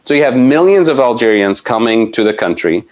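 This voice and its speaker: A man's voice: mid-range voice, expressive, a little fast. A middle-aged man from Tunisia, an economics professor talking as a podcast guest, explaining policy thoughtfully with frequent restarts and fillers. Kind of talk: conversational podcast interview.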